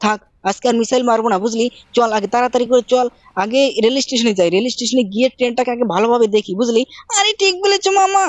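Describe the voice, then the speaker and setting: Woman gamer host, fast bossy banter, slightly high, close dry mic. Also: steady tone, darkish tone, dry recording. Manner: rapid, bossy uncle-style banter. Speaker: gaming channel host. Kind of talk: game role-play commentary.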